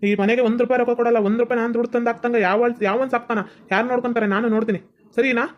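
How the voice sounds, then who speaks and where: A woman's voice: a little high, flat delivery, slight background noise, lightly acted. A woman voicing a stubborn, devoted husband who talks firmly and reassuringly. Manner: firm, rapid, reassuring. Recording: dull lo-fi sound.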